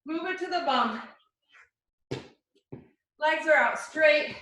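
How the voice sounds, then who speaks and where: A woman's voice: sits high, expressive, slow, a bit bright, slight background noise. A woman leading a workout as an aerobics instructor, energetically calling out short encouraging commands and counts while exercising. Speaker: fitness instructor. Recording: echoey room, distant microphone.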